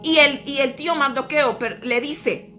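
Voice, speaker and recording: Woman, preacher host, devotional sermon, bright tone, faint music behind. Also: high-pitched, unhurried. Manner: earnest, emphatic, questioning.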